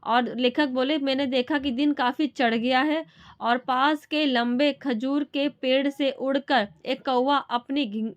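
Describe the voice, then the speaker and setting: A woman teacher reading a story passage aloud and then explaining it in simple words, often pausing and restarting. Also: high voice, fairly even intonation. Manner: halting, with restarts and fillers.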